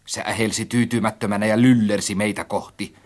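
Man narrating a children's audiobook. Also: fairly low pitch. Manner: expressive reading, acts out his own quoted lines.

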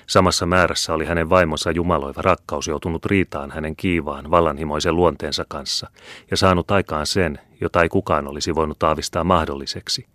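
A man narrating a classic novel as an audiobook reader, in a measured, even manner. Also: very deep voice, no echo, clean studio sound. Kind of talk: scripted narration.

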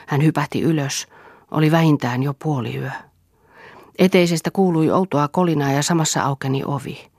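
A woman reads a literary novel aloud in a measured, expressive manner. Her voice is husky, and the recording is dry and close. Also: extremely low pitch, no room sound. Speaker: audiobook reader. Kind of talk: literary audiobook narration.

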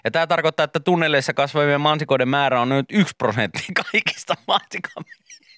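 A man's voice: a little high, a bit bright, dry recording. A male radio morning show host chatting casually, telling anecdotes and reading headlines aloud in a studio. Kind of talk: casual on-air banter. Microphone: studio microphone.

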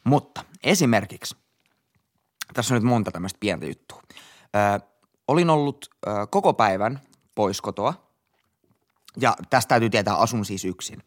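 A young man co-hosting a podcast, chatting casually and relaxed, often pausing on fillers. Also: medium pitch. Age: young adult. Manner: relaxed, with many hesitation fillers. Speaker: podcast co-host.

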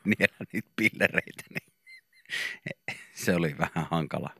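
A man's voice: deep voice, vocal fry, breathy edge, no room sound, clean studio sound. A man co-hosting a morning radio show, chatting casually and rambling through his stories with lots of fillers. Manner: rambling, relaxed, many fillers. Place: radio studio. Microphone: studio microphone.

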